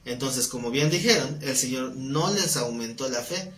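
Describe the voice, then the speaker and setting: A man's voice: medium pitch, animated, moderate pace, fairly bright tone. A man teaching a live-streamed Bible class in a conversational way, often asking his listeners questions. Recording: roomy sound with faint background noise.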